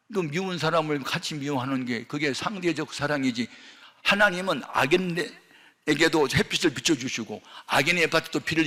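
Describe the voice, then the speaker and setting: An older man preaching a sermon as a pastor, telling a story with lively acted-out voices and sudden shouts. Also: on the high side. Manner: animated, acts out dialogue, shouts at peaks. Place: large church hall. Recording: long hall reverb.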